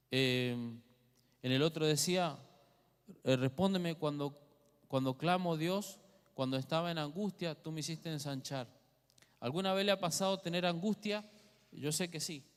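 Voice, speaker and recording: A man's voice: on the high side, clear, resonant tone. A man with an Argentine Spanish accent preaching a teaching sermon in church, asking the congregation questions as he goes. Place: church hall. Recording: long hall reverb.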